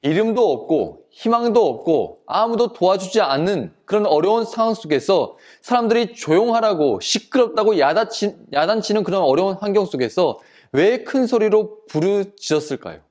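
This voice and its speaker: Man pastor for a kids' sermon, slightly high voice, very expressive storyteller. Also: moderate pace, few pauses. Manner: lively storyteller addressing children as friends. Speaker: children's pastor. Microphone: studio video recording.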